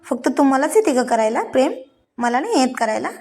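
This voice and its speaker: A bashful young wife who teases back playfully, as a woman storyteller puts her on. Her voice sits a little higher than the plain narration. The manner is light, coy and affectionate. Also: big pitch swings, quick pace, dark tone, exaggerated voice. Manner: bashful and teasing.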